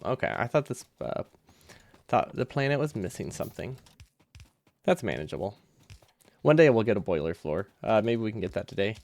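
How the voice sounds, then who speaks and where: A medium-pitched, slightly mellow male voice, recorded with no room sound, chats casually as he plays a game on livestream. Easygoing and rambling, he thinks aloud, with a loose dental retainer getting a little in the way of his speech.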